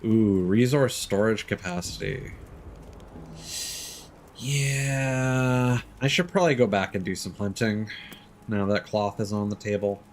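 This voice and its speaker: Thinking aloud over a livestreamed video game, a man with a lowish voice offers casual, unhurried asides. Faint game ambience sits behind his voice, and there's a little hiss or hum on the recording.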